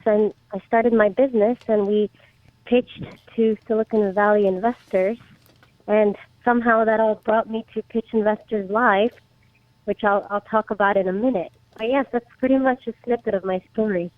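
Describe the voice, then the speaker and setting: A woman's voice: medium pitch, fairly even intonation, moderate pace, no echo. A woman in her thirties, from the Czech Republic, answering interview questions in a hesitant way with frequent restarts. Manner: hesitant, many restarts and fillers. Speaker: startup guest. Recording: tinny phone-like line.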